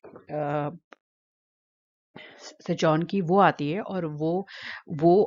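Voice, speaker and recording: A woman's voice: deep voice, fairly even intonation, extremely slow, darkish tone, dull audio. A woman casually retelling a drama episode, hesitating with many filler sounds and restarts and speaking the characters' lines in her own voice. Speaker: drama recap narrator.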